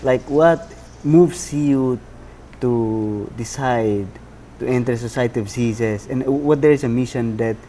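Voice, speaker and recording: A man's voice: mid-range voice, measured pace, dark tone, slight background noise. A man hosting a podcast interview, hesitant and filler-heavy, ending phrases with little tag questions. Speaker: podcast host, Jesuit brother.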